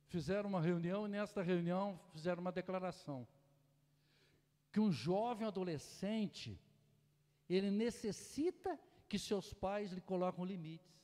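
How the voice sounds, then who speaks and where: A man preaching a sermon in a church, shifting from soft asides to loud, impassioned exhortation. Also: high voice. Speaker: pastor. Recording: echoey church hall.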